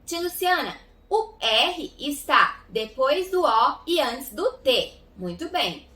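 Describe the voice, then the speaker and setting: A woman teacher with a Goiás Brazilian accent giving a children's phonics lesson, drawing out each sound slowly and with exaggeration. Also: high-pitched, big pitch swings, sharp tone, reverberant, distant mic. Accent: Goiás Brazilian Portuguese. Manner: slow, exaggerated sound-by-sound enunciation. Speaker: literacy teacher.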